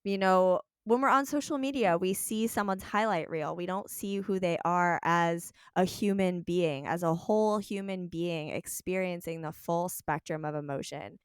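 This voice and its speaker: A woman's voice: medium pitch, smooth, no room sound, studio quality. A woman hosting a casual podcast chat who thinks aloud in a reflective way, with many "like"s.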